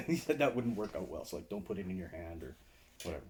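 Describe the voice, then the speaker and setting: A man's voice: low voice, big pitch swings, fairly quick, darkish tone, a little hiss or hum. A man giving a casual seated video lecture on meditation and martial arts indoors, talking conversationally and checking in with "right?" and "okay?".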